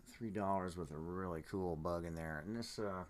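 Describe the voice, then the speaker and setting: A man's voice: low voice, moderate pace, slight background noise. A groggy man who has just woken up, musing casually and unhurriedly as he sells specimens on a livestream, trailing off mid-thought. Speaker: live auction seller showing amber specimens.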